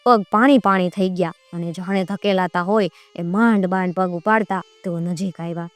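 A woman's voice: fairly low pitch, moderate pace, dry recording, soft background music. A woman with a Kathiyawadi accent, narrating a folk tale in a vivid, dramatic way. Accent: Kathiyawadi Gujarati. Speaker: storyteller.

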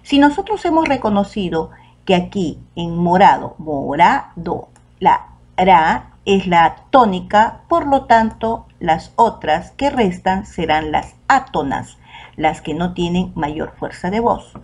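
Patient woman teacher explaining slowly. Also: on the low side, animated. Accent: Peruvian Spanish. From Peru. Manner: clear, patient explaining to children, stretches out example words. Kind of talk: recorded online school lesson.

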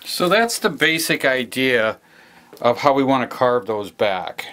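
At a measured pace, a model railroad enthusiast narrates a casual step-by-step how-to from his hobby room, working on the layout as he goes. His medium-pitched voice is lively, pushed and bright, and he tends to repeat himself.

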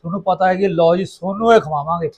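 Male home-cooking vlogger, Punjabi accent, high pitch, chatty, playful, exclamatory, repetitive phrasing. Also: fast talker, darkish tone. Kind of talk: casual chat to viewers while cooking.

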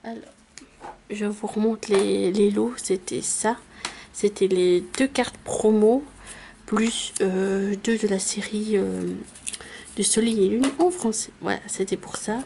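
A woman's voice: mid-range voice, steady tone, gravelly, dark tone, a little hiss or hum. A woman YouTuber casually announcing giveaway winners, hesitant and full of fillers. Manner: slow, hesitant, many fillers. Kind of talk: casual vlog chat.

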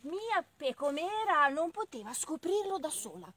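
A woman's voice: high voice, big pitch swings, unhurried, background noise. A woman reading nursery rhymes and stories to children outdoors at a farm, cheerful and chatty. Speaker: co-reader for children.

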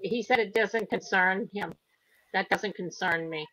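A woman's voice: mid-range voice, measured pace, bright, forceful tone, no room sound. A woman co-hosting a casual livestream chat over an online call whose audio keeps breaking up and cutting out; she hesitates and trails off mid-thought. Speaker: co-host on a livestream. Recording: dull, dry online call line.

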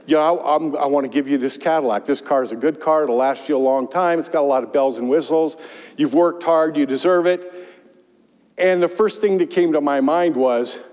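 An older man, a pastor, giving a conversational, animated sermon with rhetorical asides, on a lapel mic in a large church. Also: fairly high pitch. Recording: church sanctuary reverb.

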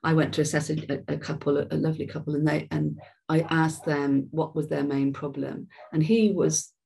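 A woman's voice: low voice, steady tone, fairly quick, vocal fry, warm tone, husky. A woman hosting a care webinar, talking in a conversational way with frequent restarts and repeated words. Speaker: webinar host and care trainer. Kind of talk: informal webinar talk.

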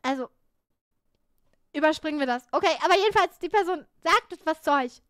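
A young woman streamer with a high, bright-pitched voice, talking in a rambling, excitable way to her chat. She sounds nervous and jittery, and the close, dry sound has no room echo. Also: fairly quick. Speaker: livestreamer.

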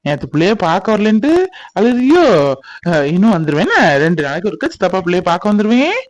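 A fond young cartoon uncle , voiced by an actor, coaxes a crying baby, his pitch leaping up and down. The recording is dry and close. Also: sing-song, fast talker, a little mellow, no echo, highs cut off, lightly acted. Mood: coaxing. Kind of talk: cartoon voice acting.

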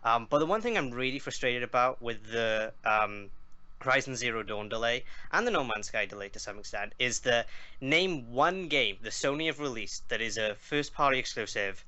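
A man's voice: medium pitch, normal speed, pushed and bright, muffled recording. A man from Wales with a Welsh accent, a podcast guest chatting casually about games, with frequent ums and likes.

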